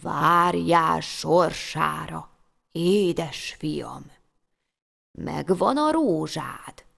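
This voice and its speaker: Woman voicing a slow, whispery wise old woman. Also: deep voice, expressive, vocal fry, exaggerated voice. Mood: gentle, knowing. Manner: slow, hushed, half-whispered speech. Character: kindly wise old woman, knowing and patient. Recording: long hall reverb.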